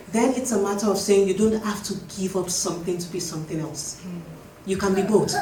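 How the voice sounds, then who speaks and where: Woman panel speaker, mellow tone, roomy hall sound. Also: mid-range voice. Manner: reflective, emphatic, slows to stress points. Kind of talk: panel discussion answer. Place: event hall. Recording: echoey hall, distant mic, faint noise.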